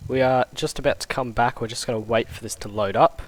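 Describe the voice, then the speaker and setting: A man's voice: medium pitch, steady tone, fast talker, no room sound. A man giving casual, offhand commentary on a sim racing stream, joking as he goes. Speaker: race commentator.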